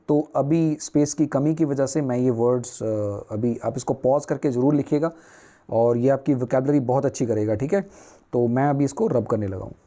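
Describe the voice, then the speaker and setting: A man's voice: medium pitch, warm tone. A man teaching newspaper vocabulary, asking and answering his own questions at a whiteboard.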